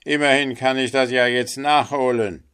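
A man voicing a quarrelsome male water rat in a storybook reading, shrill and indignant, shouting. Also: measured pace, clear, resonant tone, natural voice. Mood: furious.

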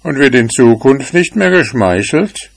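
A man's voice: mid-range voice, expressive, measured pace, creaky, voice pushed up. A man voicing a sly, scheming hunting dog in a storybook tale, speaking in a raised, boastful way.

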